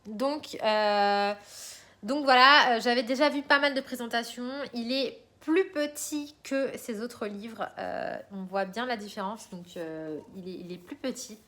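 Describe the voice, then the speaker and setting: A woman's voice: a little high, unhurried, sharp tone. A woman vlogger chatting casually about her coloring purchases, rambling with many fillers and restarts. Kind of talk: casual chat showing purchases.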